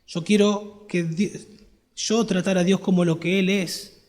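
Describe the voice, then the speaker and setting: A man's voice: sits high, fairly even intonation, unhurried, a little mellow. A man with an Argentine accent, a pastor preaching an earnest sermon that swells to emphatic peaks. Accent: Argentine Spanish. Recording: long reverb of a church hall.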